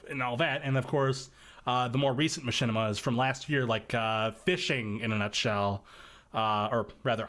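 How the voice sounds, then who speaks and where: A man's voice: medium pitch, a bit bright. A man talking casually as a podcast guest, hesitant, with many fillers and restarts. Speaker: podcast guest, video editor and voice actor. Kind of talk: casual chat.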